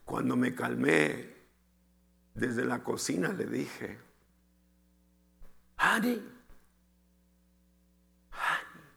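Gravelly fervent man preaching slowly. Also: medium pitch. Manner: fervent, swinging between loud outbursts and hushed near-whispers; keeps addressing listeners as brother. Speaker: preacher giving a testimony. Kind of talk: emotional testimony sermon.

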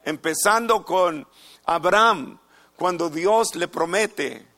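A middle-aged American man delivers a sermon in a bright, forceful voice that sits on the higher side. His delivery is unhurried and measured, repeating phrases and letting pauses hang between them.

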